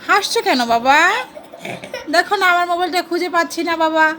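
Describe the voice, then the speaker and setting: High-pitched woman, playful mother role, teasing scolds, noisy home recording. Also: fast. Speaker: mother in a family skit. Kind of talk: acted family comedy skit.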